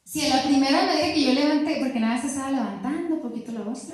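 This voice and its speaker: A middle-aged woman with a voice high for a woman leads a church teaching class on marriage, talking rapid-fire in a lively, conversational way with laughs and acted-out bits of dialogue. The recording is very noisy and rings heavily in an echoey church hall.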